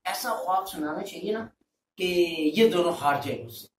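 Woman playing a bragging storybook friend, animated, echoey distant recording. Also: high-pitched, moderate pace. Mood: boastful. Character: boastful scheming man, one of three friends. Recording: roomy, distant mic, faint hum.

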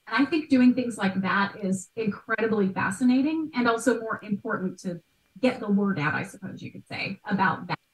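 An American woman in her thirties, speaking in a mid-range voice at a normal pace, appears as a podcast guest and art history expert. She explains things conversationally and stresses key words. She is in a small, bright room at home, and the video-call microphone gives the recording a roomy sound.

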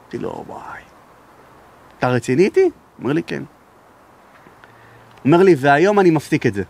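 Rabbi giving a lesson, high pitch, emphatic and loud at times. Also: male voice, very animated, vocal fry, breathy edge. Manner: raises his voice to be heard, emphatic. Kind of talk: sermon with storytelling.

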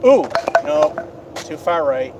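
A man's voice: on the high side, very animated, slow pace. Man keeping score outdoors. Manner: chatty, wry asides while keeping score. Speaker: bowler filming himself. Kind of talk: casual running commentary. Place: outdoor parking lot. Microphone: camera on a stand, away from him. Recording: outdoor camera mic with background noise.

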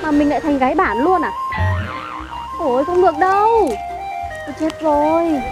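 A woman's voice: high-pitched, moderate pace, music in the background, lightly acted. A woman playing a panicky disguised health officer. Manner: panicky, hushed, fretting. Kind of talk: comedy sketch acting.

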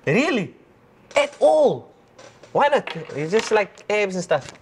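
A man's voice: high-pitched, big pitch swings, slow pace, darkish tone, a little hiss or hum. A man, flirting playfully on a dating show with a teasing, goofy manner. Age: 20s. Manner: teasing, goofy, laughs often. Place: indoor studio set with a green plant wall.

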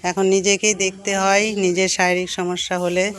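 A woman health worker talking to her viewers outdoors, a little out of breath, gently coaxing and advising the people she meets. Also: fairly low pitch, little pitch movement, fairly quick. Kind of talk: casual vlog talk to viewers. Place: outdoors by a village road.

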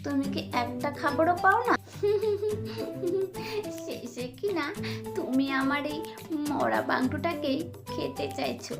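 A woman voicing a sly, mocking female fox in a cartoon story, with a high, giggling, sneering manner. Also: normal speed, close to an everyday voice. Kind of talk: cartoon voice acting. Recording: faint music behind.

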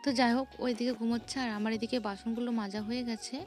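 A woman's voice: on the high side, steady tone, racing, darkish tone, soft background music. A young woman, narrating her morning chores in a chatty home vlog. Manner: chatty, describing chores as she goes. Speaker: vlogger.

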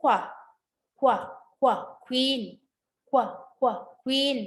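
A woman teacher giving a phonics lesson to children, repeating each letter sound slowly and clearly. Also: high-pitched, monotone, fairly bright tone, roomy sound. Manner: slow, drawn-out repetition of letter sounds.

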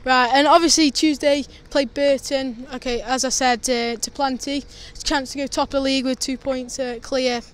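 A man's voice: very high voice, steady tone, normal speed, few pauses, a bit bright, smooth. A teenage boy interviewing footballers outdoors at a stadium with a handheld mic, asking eager prepared questions. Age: teens. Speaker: fan interviewer. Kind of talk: post-match interview.

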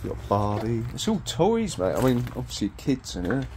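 A man's voice: medium pitch, wildly swooping pitch, moderate pace, background noise. A British man casually narrating a walk around an abandoned site outdoors, upbeat and chatty as he points things out. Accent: British English. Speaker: vlogger exploring abandoned places.

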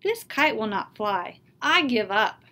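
A woman's voice: a little high, exaggerated voice. A woman reading a children's story, voicing an eager, easily discouraged little male toad. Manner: excited, gives up fast.

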